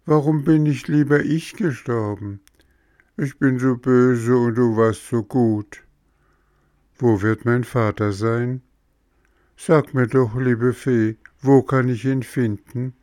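A man's voice: medium pitch, slow, gravelly, hardly any pauses, a little mellow, no room sound, studio quality, pitched above the performer's own voice. A man voicing a tearful, remorseful wooden puppet boy in a storybook reading, pleading through sobs. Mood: sobbing plea. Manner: sobbing, pleading.

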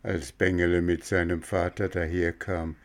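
A man reading a fairy tale aloud in a slow, deliberate way. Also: sits low, flat delivery. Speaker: storyteller.

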